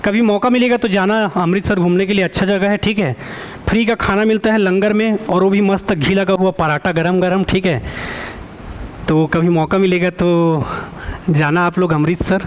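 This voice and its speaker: A male teacher giving an online exam-prep lecture. He keeps quizzing the students for answers, often stops to check with a quick "okay", and corrects himself as he goes. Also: high voice, steady tone, slight background noise.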